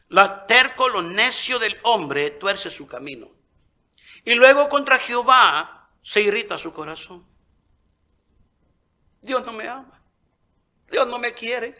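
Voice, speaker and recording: A man preaching a sermon as pastor in a church, swinging between loud, impassioned lines and hushed ones. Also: high-pitched.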